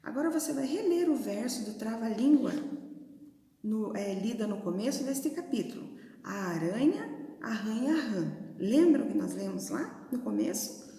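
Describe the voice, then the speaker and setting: A Brazilian woman teaching young children in a recorded video lesson, patiently sounding out syllables slowly and using gentle diminutives. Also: on the high side, big pitch swings. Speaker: primary school teacher. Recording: echoey room with long reverb.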